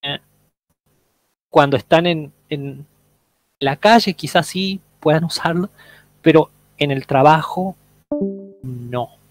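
A man's voice: a little high, slow pace, long pauses, faint music behind, rough recording. A man teaching an online English workshop, explaining step by step and checking in with his students often.

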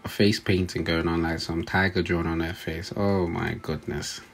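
A man's voice: deep voice, flat delivery, unhurried, creaky. A young man giving a casual, joking voice-over, narrating step by step.

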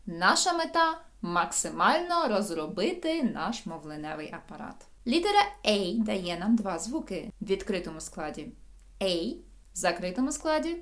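A woman teaching English pronunciation, walking learners through a vowel warm-up and modelling each drawn-out sound between her instructions. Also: medium pitch.

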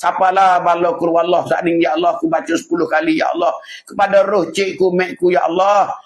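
A man's voice: sits high, flat delivery, brisk, lightly acted. A man with a Patani Malay accent voicing a devoted grown child who prays fervently over a parent's grave. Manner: fervent, repetitive supplication.

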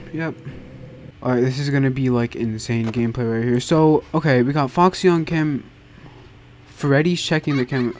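A man's voice: a little high, slight background noise. A young man giving casual let's play commentary as a game streamer, flustered and exasperated, swearing often. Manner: frequent profanity.

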